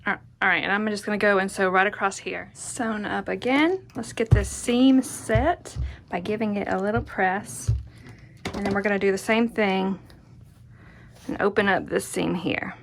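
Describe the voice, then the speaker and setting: A woman's voice: medium pitch, normal speed, creaky, noisy background. A woman giving a casual hands-on craft tutorial, chatty and murmuring encouragement to herself as she works. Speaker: quilting tutorial host. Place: indoors at a craft worktable.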